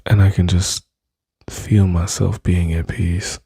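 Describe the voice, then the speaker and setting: Man, dark husky voice, intimate soothing whisper-talk, dry close mic. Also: low voice, flat delivery, takes it slowly, no echo. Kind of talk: soft-spoken ASMR comfort roleplay.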